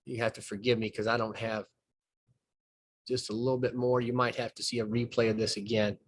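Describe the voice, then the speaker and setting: A man coaching basketball, talking through game footage in a plain mid-range voice. He explains each play patiently and folksily, often pausing and restarting his sentences. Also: mid-range voice, flat delivery, a little hiss or hum. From southern United States. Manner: folksy, explains plays step by step, trails off and restarts. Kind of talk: film breakdown conversation.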